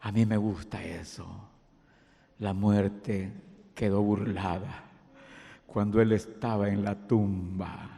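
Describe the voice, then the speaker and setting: Male pastor, slow and gravelly, hushed-to-shouting sermon delivery, long church reverb. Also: fairly low pitch, steady tone. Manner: dramatic, swings from hushed to shouting.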